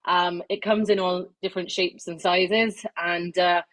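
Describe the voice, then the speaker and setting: A woman living in Ireland, though not Irish, gives an informal online presentation as a webinar speaker over a video call. Her lowish voice has a fairly bright tone, a flat delivery and a measured pace, and she chats along with many fillers and restarts.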